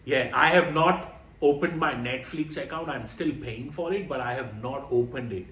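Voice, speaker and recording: Co-hosting a motivational podcast, an Indian man in his late thirties who grew up speaking Indian languages talks with earnest emphasis, often repeating himself. His voice is mid-range and fairly bright, at a moderate pace. It's captured on a distant, roomy mic with a bit of faint noise.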